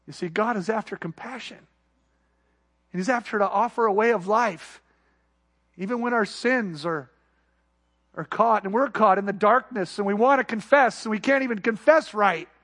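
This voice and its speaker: A man with a notably high voice preaches a sermon to his congregation. He builds to emphatic high points, then drops into quiet, soft asides. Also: normal speed, pauses often. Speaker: pastor.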